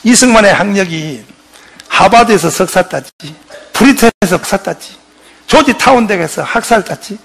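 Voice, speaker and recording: Fiery, gravelly-voiced male preacher. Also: high voice, lively intonation, normal speed. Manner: fiery, shouting, rhetorical questions to the crowd. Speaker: pastor giving a patriotic lecture. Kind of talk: impassioned public lecture.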